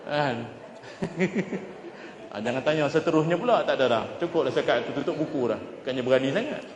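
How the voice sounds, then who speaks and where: A male preacher delivers a joking, animated sermon in a fairly high voice, slipping into the voices of the people in his stories. He is recorded in a large mosque hall, and his words ring out with a roomy, long reverb. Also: brisk, background noise. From Kedah, Malaysia. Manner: jokey, animated, acts out characters. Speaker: religious preacher.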